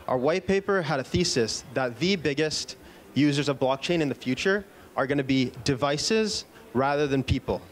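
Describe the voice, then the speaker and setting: A man in his thirties gives an expressive, upbeat product keynote at normal speed, his voice sitting at a medium pitch. He speaks into a handheld microphone on a conference stage in a large indoor event room, with some fillers and restarts.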